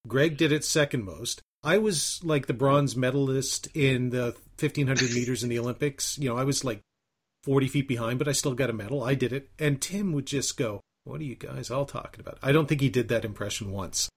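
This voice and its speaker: A man's voice: mid-range voice, brisk, slightly rough. A man bantering casually as a podcast host, joking and playful.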